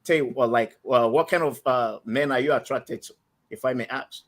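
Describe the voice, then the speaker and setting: Calling in to a live stream program, a Nigerian-accented man from Nigeria talks at a normal speed in a medium pitch. His speech is halting, peppered with fillers and false starts.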